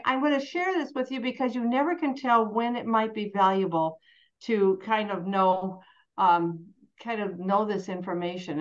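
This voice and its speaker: Woman team leader, candid and chatty, mid-range voice, acts out inner self-talk, dull lo-fi recording. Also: medium pitch. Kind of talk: motivational team meeting talk. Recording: dull lo-fi sound.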